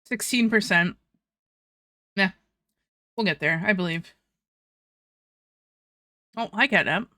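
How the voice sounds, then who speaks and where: A woman's voice: mid-range voice, slow, long pauses, bright, forceful tone, no echo, clean studio sound. A young woman streaming, chatting casually with viewers while eating, laughing often and swearing freely.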